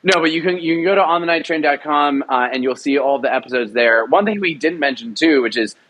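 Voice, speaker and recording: With a slightly high, bit bright voice, a young adult talks fast about the audio drama he wrote and directed. The casual interview is poorly recorded, and he rambles with enthusiasm, leaning on lots of filler words.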